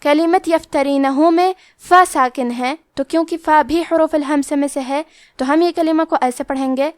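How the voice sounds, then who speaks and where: A woman's voice: high voice, no echo, clean studio sound. A woman teaching Quran recitation rules, explaining pronunciation patiently and step by step.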